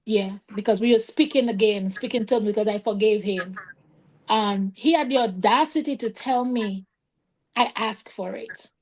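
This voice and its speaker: A woman's voice: medium pitch, moderate pace, darkish tone. A woman on a live-streamed roundtable, speaking emphatically and defiantly about her own experiences. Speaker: panelist, domestic violence survivor. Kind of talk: roundtable discussion.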